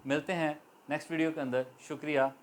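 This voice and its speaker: A man's voice: a little high, fairly even intonation, fast. A man with a Pakistani accent teaching an English lesson, spelling words out letter by letter and checking in often with "okay". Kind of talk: spoken lesson.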